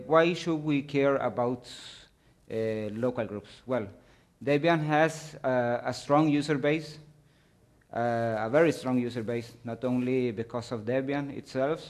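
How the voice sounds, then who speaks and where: A man presents a technical talk at a conference, walking his audience through his slides. His delivery is halting, with frequent pauses and restarts as he searches for the right words. His pitch sits in an ordinary middle range for a man.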